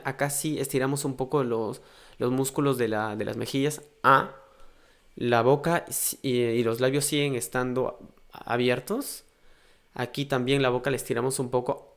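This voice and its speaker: A man with a mid-range voice, teaching pronunciation in a patient, step-by-step way. He pauses to sound out examples as he explains them. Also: mid-range voice, steady tone. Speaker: language teacher.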